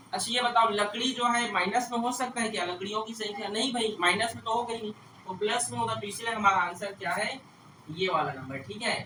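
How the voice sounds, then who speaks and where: A man's voice: high voice, distant mic. Man teaching math to a class, stern and questioning, recorded from across an echoey room with traffic noise behind. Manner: scolds and lectures students; checks understanding with repeated questions.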